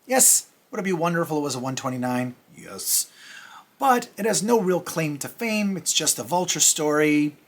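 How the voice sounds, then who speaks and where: A man's voice: on the high side, expressive, normal speed. A middle-aged man hosting a casual comic review vlog, chatty and rambling with self-deprecating asides. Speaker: comic review channel host.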